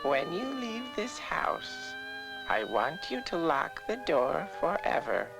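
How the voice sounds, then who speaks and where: Woman acting a slow, creaky, very old great-grandmother. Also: low voice, very animated, loud music behind the voice, heavily acted. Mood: tender, solemn. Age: very old woman, as played. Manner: tender, slow, solemn. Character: gentle, loving, dying great-grandmother. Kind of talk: dramatized storybook fairy tale.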